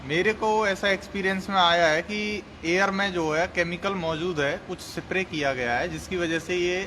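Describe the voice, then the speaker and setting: Man in the crowd asking something, kinda high voice, far off mic, noisy with traffic. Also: normal speed. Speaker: audience member asking a question.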